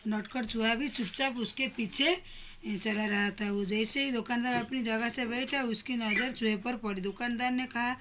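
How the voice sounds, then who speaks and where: A woman's voice: fairly high pitch, steady tone, moderate pace, a bit bright, a little hiss or hum. A woman teacher reading a children's story aloud to young pupils. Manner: storybook reading, voices raised for quoted characters.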